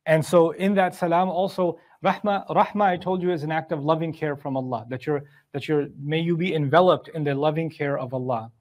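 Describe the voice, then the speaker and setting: A man's voice: on the high side, steady tone, fairly quick, hardly any pauses, darkish tone. A man giving a Quran commentary lesson, reciting Arabic verses and explaining them in English in a conversational way, with rhetorical questions. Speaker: Quran teacher.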